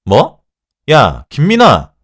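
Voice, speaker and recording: A man's voice: wildly swooping pitch, extremely slow, a bit bright, full character voice. A man voicing a smug, sarcastic mistress with a raised, sneering voice. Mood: shrieking. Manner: sneering, sarcastic, shrill when angry. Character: smug, sneering mistress who turns shrill.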